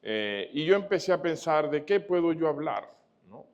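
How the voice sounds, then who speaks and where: A man from Venezuela giving a formal lecture as guest speaker, courteous and often pausing on "eh". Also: on the high side, sing-song. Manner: courteous, with frequent "eh" hesitations. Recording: dull lo-fi sound.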